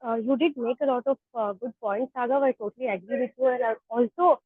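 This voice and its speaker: A high-voiced woman joins a group debate over a video call. Her speech is measured and agreeable, but the connection keeps breaking up, leaving her voice cloudy and muffled. The sound is dry, with no room around it. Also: fairly even intonation, breathy edge, no room sound. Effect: voice breaking up and cloudy over a bad call connection. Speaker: debate participant.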